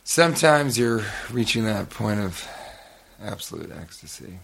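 A man's voice: lowish voice, lively intonation, measured pace, creaky, fairly bright tone, slightly rough. A man co-hosting a live comedy podcast in front of an audience, riffing crude absurd bits with mock indignation. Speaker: podcast co-host. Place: hotel room with live audience.

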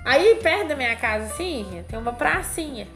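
A woman's voice: high voice, big pitch swings, normal speed, a bit bright, roomy sound, soft background music. A woman, co-hosting a casual chat and telling a personal story with lots of drama.

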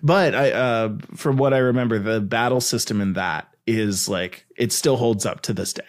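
A man's voice: fairly low pitch, normal speed. A man co-hosting a casual podcast, playful and goofy, joking around with his co-host. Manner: playful, goofy, hums tunes and jokes around.

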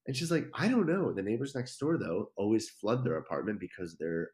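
A young man on a podcast tells a long story in a casual, low-pitched voice. He gets animated, swears freely and acts out what everyone said. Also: a little fast. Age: young adult. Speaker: podcast guest.

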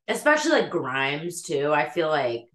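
A woman's voice: low voice, very animated, moderate pace, a bit bright, a little hiss or hum. A woman co-hosting a podcast in casual conversation, talking in informal, slangy phrases. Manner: informal, filler-heavy slang with frequent "like". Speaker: podcast co-host.

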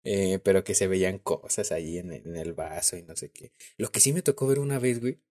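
A young man with a Mexican Spanish accent tells a story as a podcast co-host. His voice sits low, with a dark, mellow tone. He talks in slang and laughs often. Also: fairly quick. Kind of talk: casual chat.

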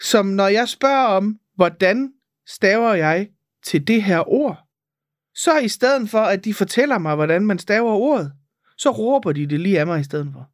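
A woman co-hosting a podcast in casual chat, ranting in an animated, exasperated way and swearing freely. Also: mid-range voice, dry recording, studio quality. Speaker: podcast co-host.

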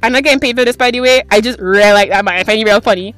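Young woman, twenties, higher voice, chatty podcast host, faint music behind. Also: very fast, fairly bright tone, no echo. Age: 20s. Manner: chatty, rambling, self-mocking. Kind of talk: casual solo podcast chat. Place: small clothes closet at home.

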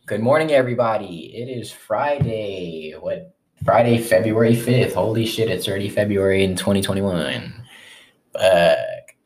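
A man's voice: on the low side, expressive, unhurried, darkish tone. A young man hosting a casual solo podcast, swearing freely and rambling through asides while he eats breakfast and talks with his mouth full. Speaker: podcast host.

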